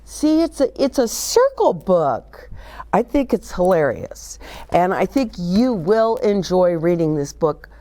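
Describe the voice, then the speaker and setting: Speaking slowly in a lowish, sing-song voice with a dark tone, an older woman leads a children's story time. She reads aloud, talks animatedly about picture books, and puts questions straight to the kids listening.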